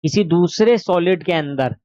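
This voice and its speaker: A man's voice: on the high side, animated, a little slow, darkish tone, muffled recording. A man with a sore throat teaching an exam revision lesson, explaining patiently and asking and answering his own questions.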